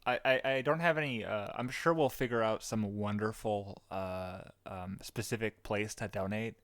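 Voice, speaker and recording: A young man co-hosting a casual podcast, rambling with frequent laughs and trailing off quietly, close on the mic. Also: fairly low pitch, normal speed, clean tone, no room sound. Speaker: podcast co-host. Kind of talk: casual chat.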